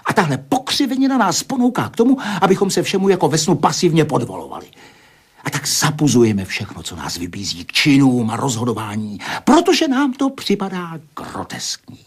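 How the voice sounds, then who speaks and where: A man performs an older physicist in a radio drama, begging one moment and philosophizing the next. The voice is husky and slightly breathy, with a wide, lively pitch that sometimes drops to a whisper. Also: exaggerated voice. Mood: lecturing. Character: older male physicist, pleading, lecturing. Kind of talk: Czech radio play acting.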